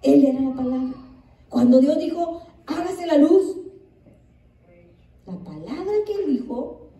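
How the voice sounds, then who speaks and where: A woman pastor delivers a sermon from some distance, her voice ringing in an echoey room. She sounds high and very mellow. She reads scripture aloud again and again and asks the listeners questions. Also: animated, moderate pace.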